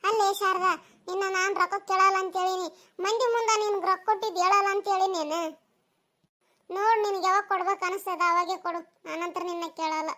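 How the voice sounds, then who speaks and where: A woman's voice: very high voice, steady tone, quick pace, bright, forceful tone. A woman voicing a worried older village woman who keeps complaining, with a North Karnataka Kannada accent. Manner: complaining, repeats her grievance.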